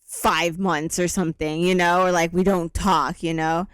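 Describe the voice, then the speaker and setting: A woman's voice: fairly low pitch, level tone, moderate pace, smooth, dry recording, clean studio sound. A woman in her thirties co-hosting a podcast in casual chat, talking in an easygoing, rambling way with plenty of fillers. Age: 30s. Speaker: podcast co-host.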